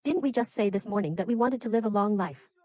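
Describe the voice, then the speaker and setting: A woman's voice: mid-range voice, fast talker, warm tone, no echo, lightly acted. A woman in an English drama dub playing a desperate young daughter who pleads and accuses through her grief. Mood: grieving.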